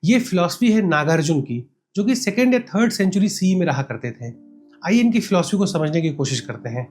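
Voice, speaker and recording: Lively explainer narrator over soft music. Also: medium pitch, brisk. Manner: explains step by step, asks the listener rhetorical questions; switches often between Hindi and English phrases. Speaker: history channel narrator. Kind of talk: scripted educational narration. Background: faint background music.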